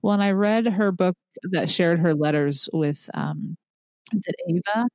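A woman's voice: fairly low pitch, measured pace, a little mellow, dry recording, poor audio. A woman hosting a podcast interview, eager and admiring, with many fillers and restarts. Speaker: podcast host.

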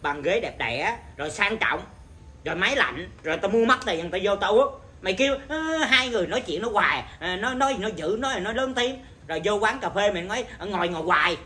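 A Buddhist monk teacher giving an informal dharma talk, blunt and scolding, with a naturally loud voice. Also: male voice, high voice, slight background noise.

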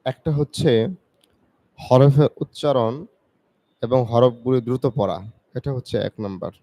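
A man teaching Quran reading in a live online lesson, spelling out letters and drawing out each syllable slowly between quick explanations. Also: medium pitch, warm tone, no echo. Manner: slow, drawn-out syllable-by-syllable recitation with quick explanations.

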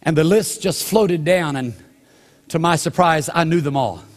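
An older male pastor tells a story from the pulpit, pausing often and slowing down to land each point. His voice sits a little high for a man. The sound carries the long, lingering reverb of a church sanctuary. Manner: storytelling, drawn-out pauses, slows down for emphasis. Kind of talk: sermon.

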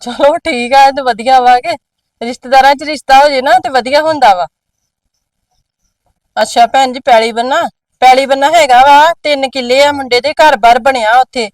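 A woman's voice: high voice, moderate pace, no room sound, far from the mic, natural voice. A woman playing a bossy, scheming mother. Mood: sweet-talking. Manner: bossy, sharp scolding. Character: domineering, scheming mother scolding her own mother. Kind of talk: amateur drama acting.

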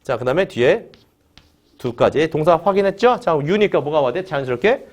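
A man teaching an English grammar lesson in Korean, opening nearly every phrase with "자" and drilling students with quick questions they answer back. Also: a little high, expressive, a little mellow. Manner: drills students, has them repeat after him.

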